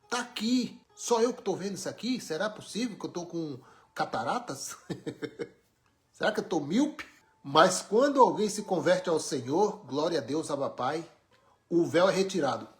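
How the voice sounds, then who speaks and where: This Brazilian preacher, originally from Pernambuco but brought up in São Paulo, speaks at normal speed in a fairly high, animated voice. His informal sermon leans on emphatic, wry rhetorical questions.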